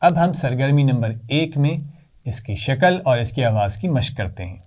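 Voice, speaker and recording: A man's voice: mid-range voice, expressive, darkish tone. A man teaching a children's Quran reading lesson, patiently repeating letter sounds for the pupils to copy and praising them often.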